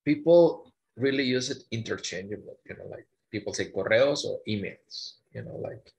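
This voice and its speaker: A man's voice: medium pitch, animated, normal speed, creaky, a little mellow. A man tutoring online, playful and teasing, with mock-dramatic complaints. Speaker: Spanish tutor. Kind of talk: online language lesson.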